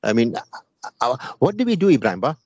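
A man hosting a radio talk show, talking in a rapid, questioning, halting way. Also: mid-range voice, very animated, darkish tone, husky, no room sound. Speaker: radio host. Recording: dry, dull lo-fi radio sound.

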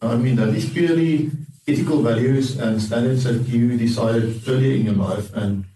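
A man's voice: medium pitch, normal speed, dark tone, a little hiss or hum. A man speaking conversationally as a panelist on a talk show. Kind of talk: conversational discussion. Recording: roomy, distant from mic.

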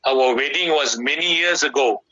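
A man's voice: medium pitch, moderate pace, pushed and bright. A middle-aged man with a South African Indian accent gives conversational religious advice in an emphatic, preacherly way, repeating key phrases. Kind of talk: conversational radio sermon. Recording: slightly dull radio broadcast sound.

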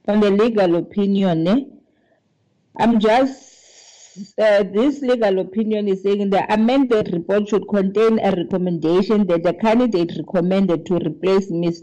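A man's voice: high voice, mellow, poor audio. A male council member asking the chair a question politely and hesitantly in a meeting.

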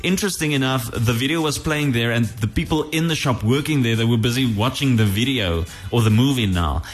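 A man's voice: mid-range voice, a little fast. Namibian man hosting radio over music. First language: Afrikaans. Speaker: radio host. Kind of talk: radio interview.

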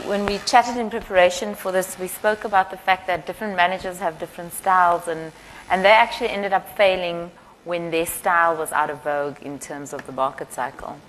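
A woman's voice: lowish voice, poor audio. A woman moderating a panel discussion in a conversational, explanatory way. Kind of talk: semi-scripted panel moderation. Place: live panel event. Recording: clear background noise, live event.

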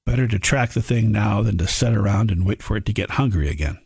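A man's voice: fairly low pitch, quick pace, vocal fry, a little mellow, slightly rough, no echo, studio quality. A man reading a frontier horror story aloud, voicing the prospectors' dialogue in a folksy drawl. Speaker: narrator.

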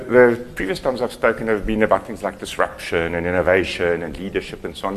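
A middle-aged South African man with an Afrikaans accent, talking from a conference stage. His voice sits low, and he keeps it conversational and self-deprecating. Faint room ambience lingers behind him. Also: slight background noise. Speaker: keynote speaker. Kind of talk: conference talk.

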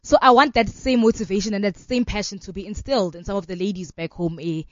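Her pitch is medium and her intonation fairly even as this fast-talking woman in her twenties, with a South African accent, gives an earnest radio interview. A law student and organization founder, she speaks fluently but uses many fillers like "you know." The recording is muffled, with no room sound.

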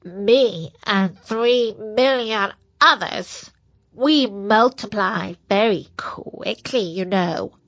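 A woman's voice: mid-range voice, very slow, a bit bright, no room sound, dull audio, exaggerated voice. A woman voicing a mean, boastful little male virus who talks like a pirate.

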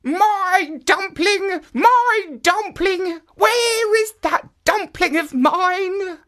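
A storyteller voicing a frantic old woman who wails and giggles in a shrill voice. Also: drawn-out words, a bit bright, heavily acted. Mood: wailing. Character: frantic cackling old woman chasing dumpling.

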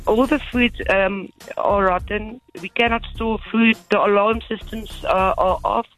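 A woman's voice: medium pitch, fairly even intonation, unhurried, low-quality recording. A South African woman calling a radio show, explaining casually and hesitantly and switching between English and Afrikaans. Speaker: phone-in caller, television producer. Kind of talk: casual account of a problem.

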